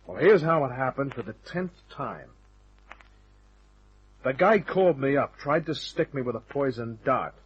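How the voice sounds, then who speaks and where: In a radio drama, a male actor plays a tough, sardonic hardboiled private detective, delivering clipped narration and dialogue. His mid-range voice is husky and expressive at a measured pace, and the recording sounds muffled.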